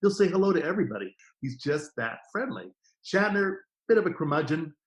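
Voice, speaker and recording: A middle-aged man, a guest on a podcast, telling stories about his career in a casual, lively way and acting out the quotes. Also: a little high, a little fast, rough recording. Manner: lively anecdotes with acted-out quotes. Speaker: podcast guest, TV formats distributor. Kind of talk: casual interview storytelling.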